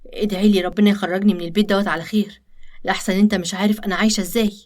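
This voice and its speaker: A woman with an Egyptian accent voicing a tired young woman complaining of her hard life, in an animated story. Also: mid-range voice, rapid-fire, lightly acted. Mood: weary. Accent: Egyptian Arabic. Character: weary young woman, secretly plotting.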